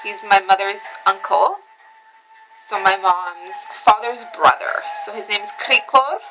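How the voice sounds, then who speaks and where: A woman with a mid-range voice speaks at a measured pace in a steady tone, music playing behind her on a rough recording. She's a vlogger in a dim room at home, a bit tipsy on red wine, rambling casually to camera with loose, emotional wandering and many ums. She's an Armenian heritage speaker who reads Western Armenian.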